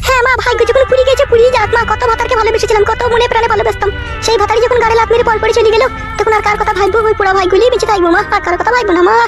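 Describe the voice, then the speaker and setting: A woman plays a shrill, very high-pitched village mother in a cartoon. She scolds and laments in a rapid torrent, over music. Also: fairly even intonation. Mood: lamenting. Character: shrill, angry village mother, middle-aged. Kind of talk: cartoon voice acting.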